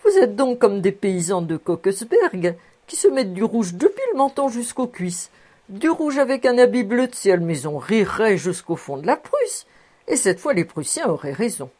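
A woman's voice: mid-range voice, sing-song, moderate pace, warm tone, pitched above the performer's own voice. A woman voicing a fussing, cheerful old housekeeper in her sixties who chuckles as she coaxes. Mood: coaxing. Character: cheerful old female housekeeper, sixty-four, toothless.

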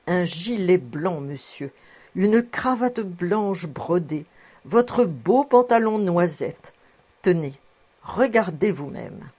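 A woman's voice: lowish voice, animated, slow, dark tone, slightly rough, exaggerated voice. A woman voicing a fussing, cheerful old housekeeper in her sixties who chuckles as she coaxes. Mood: coaxing. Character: cheerful old female housekeeper, sixty-four, toothless.

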